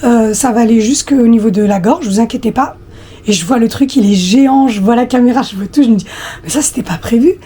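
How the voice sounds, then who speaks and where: Husky woman chatting to viewers. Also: fairly high pitch, a little fast, mellow. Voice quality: husky, slightly hoarse voice. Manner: hesitant, many fillers, talks directly to viewers. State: hoarse after flu, coughing. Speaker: lifestyle vlogger. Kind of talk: casual chatty storytelling.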